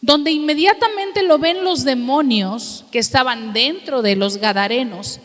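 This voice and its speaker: A woman pastor preaching a sermon to a congregation, asking them questions and reading scripture slowly and emphatically. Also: high-pitched. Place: church hall with congregation. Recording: long reverb of a hall.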